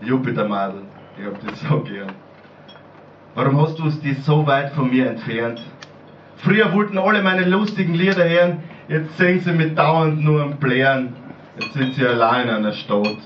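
A man with an Austrian accent performing rhyming poetry at a slam, declamatory, with loudness and pitch that keep shifting. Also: normal speed, a little hiss or hum. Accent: Austrian German. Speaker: slam poet. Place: small bar stage. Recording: echoey room, far-off mic, dull lo-fi sound.

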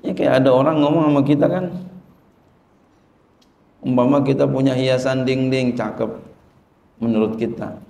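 Middle-aged religious teacher, man, casual repetitive delivery, mellow tone, echoey room. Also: medium pitch, fairly even intonation, normal speed, creaky, long pauses, a little hiss or hum. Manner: repetitive, conversational, acts out quoted people. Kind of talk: colloquial Quran commentary lesson. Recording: roomy echo.

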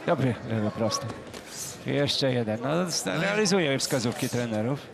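A man giving live boxing commentary in a conversational manner, often pausing with fillers. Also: mid-range voice, expressive, vocal fry, a crowd in the background.

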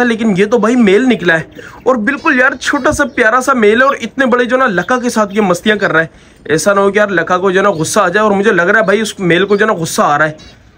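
A man vlogging about his pet birds and rabbits in a chatty, affectionate way. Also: sits high. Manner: chatty, affectionate, peppered with "yaar" and "bhai"; coaxing pets softly. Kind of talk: casual vlog narration.

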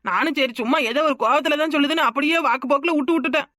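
A quarrelsome young village wife in a cartoon, played by a woman, pouring out her grievances. She talks high and quick in a stream of complaint. The recording is close and dry. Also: bright, forceful tone, no room sound. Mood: lamenting. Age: young adult. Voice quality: rapid, complaining talk. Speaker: cartoon character. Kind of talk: cartoon voice acting.

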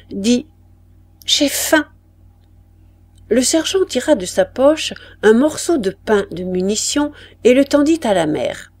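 A woman reading a classic story aloud slowly and expressively for language learners. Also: medium pitch. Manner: expressive, deliberate.

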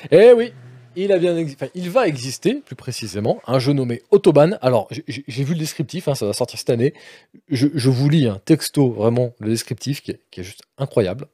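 A man's voice: medium pitch, animated, brisk, dark tone, husky. A man hosting a studio panel show as quiz master. He calls out to the control room and reads text aloud with mock gravity.

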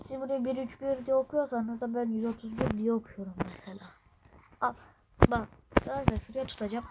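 Woman, turkish accent, stuffy nose, slightly high voice, noisy recording, muttering gameplay commentary. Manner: chatty, mutters and whispers to herself while playing. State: blocked nose. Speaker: gameplay streamer.

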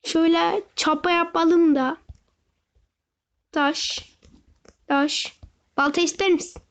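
A young gaming host giving excited gameplay commentary, often shouting and wailing as he talks straight to his viewers. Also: very high voice, slow pace. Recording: dull lo-fi recording.

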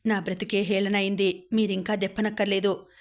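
A woman's voice: mid-range voice, flat delivery, fairly quick, lightly acted. A woman voicing Radha, a grief-stricken young mother who pleads through tears. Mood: anguished. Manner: pleading, tearful. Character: young woman, new mother, anguished and defiant.

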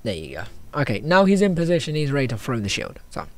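A man with a mid-range, sing-song voice talks fast while he has hiccups. He walks through an animation tutorial in a casual screen recording, stopping and starting, thinking aloud and correcting himself as he goes.

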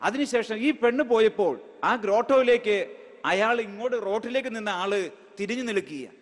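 A man's voice: sits high, lively intonation, normal speed. A male priest preaching a sermon emphatically, calling out hallelujah and asking the crowd rhetorical questions. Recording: long hall reverb.

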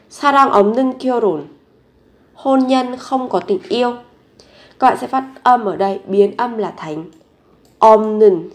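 Woman, language teacher, slow careful repetition, fairly high voice. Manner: slow, careful pronunciation drills. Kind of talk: vocabulary lesson, repeating words three times.

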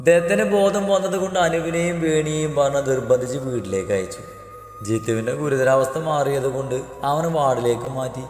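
A man's voice: medium pitch, fairly quick, a little mellow. A man narrating a romantic story as a storyteller, reading steadily and evenly. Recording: echoey room with long reverb, faint music.

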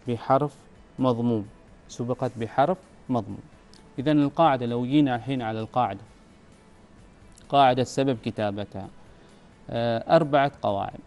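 A man's voice: mid-range voice, a little mellow. A man with an Omani Arabic accent teaching a recorded grammar lesson, patiently repeating his questions to the student. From Oman.

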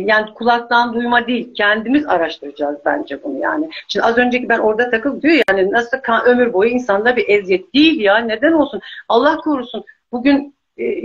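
Middle-aged woman guest, husky and fairly high-voiced, earnest storyteller, dull lo-fi sound. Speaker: life coach guest. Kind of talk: casual heartfelt talk-show conversation.

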